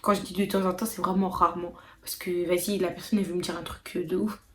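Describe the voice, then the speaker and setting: A woman's voice: fairly low pitch, fast, roomy sound. Emphatic young French woman vlogger. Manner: emphatic, animated, repeats words for emphasis. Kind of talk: casual Q&A vlog.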